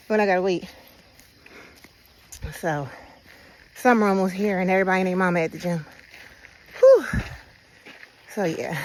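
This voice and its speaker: A woman's voice: mid-range voice, a little mellow, slight background noise, poor audio. Chatty woman vlogging outdoors. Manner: chatty, talks straight to viewers. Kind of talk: casual walking vlog. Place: outdoors on a path by the water.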